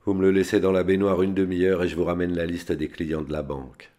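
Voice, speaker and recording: A man with a very deep voice voicing a brutish, menacing American bodyguard who speaks with sinister mockery. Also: level tone, fast, mellow, close to an everyday voice. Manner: sinister, mocking.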